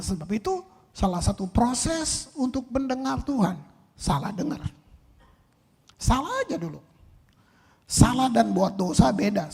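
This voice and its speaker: A male pastor preaching a sermon, firing rhetorical questions and swinging between loud and soft. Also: high voice, vocal fry, slightly rough. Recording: long reverb in a large hall.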